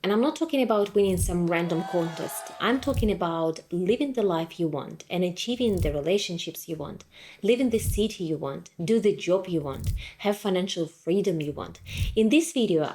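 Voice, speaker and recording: A woman from Ukraine in her thirties with a lowish voice delivers a scripted motivational talk. She speaks in a firm, direct and emphatic way. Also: expressive, normal speed, darkish tone. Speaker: motivational vlogger.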